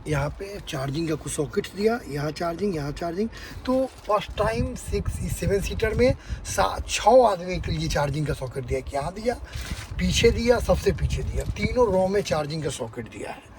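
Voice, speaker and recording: A man gives a car walkaround review and reels off one feature after another, often checking in with the viewer. His voice sits a little high. The recording is noisy, with clear sounds around him. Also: lively intonation, moderate pace. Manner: lists features, checks in with tag questions.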